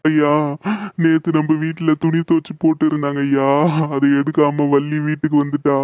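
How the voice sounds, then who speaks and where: A man's voice: fairly high pitch, monotone, normal speed, smooth, dry recording, lightly acted. A man voicing a frightened, pleading village servant in a horror cartoon. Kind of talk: Tamil horror cartoon dub. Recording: dull dry lo-fi recording.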